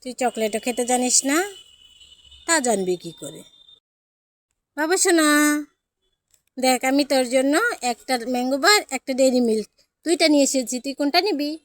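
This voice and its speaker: A woman's voice: sits high, animated, moderate pace, long pauses, no room sound. A woman talking to her baby in playful, coaxing, sing-song baby talk.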